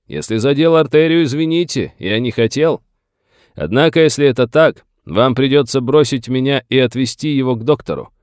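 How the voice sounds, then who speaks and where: A man voicing a bold, mocking outlaw gunman who shouts his taunts from a distance. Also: mid-range voice, moderate pace, smooth, no room sound, clean studio sound, voice pushed up, natural voice. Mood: taunting shout.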